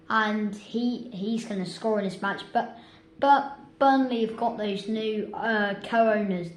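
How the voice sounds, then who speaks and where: Woman host, casual and chatty, echoey room with faint hiss. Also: mid-range voice. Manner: chatty, hesitant with restarts. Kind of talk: casual football prediction chat.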